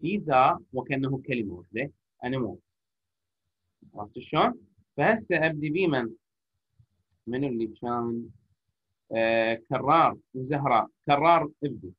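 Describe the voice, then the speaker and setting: Iraqi guy teaching kids english over a muffled video call, bit husky, patient, says phrases super slow. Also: mid-range voice, lively intonation. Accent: Iraqi Arabic. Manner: patient, repeats phrases slowly to model pronunciation. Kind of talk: online class teaching. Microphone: computer or phone mic on a video call. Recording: lo-fi online call audio.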